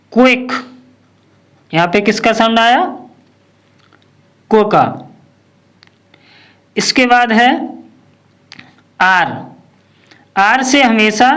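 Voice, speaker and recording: Very slow-paced phonics teacher. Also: mid-range voice, fairly bright tone. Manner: slow, drilling questions and repeating each word. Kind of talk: phonics lesson.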